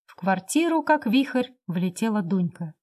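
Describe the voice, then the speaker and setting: A woman narrating a classic novel as an audiobook in a measured, expressive reading style. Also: mid-range voice.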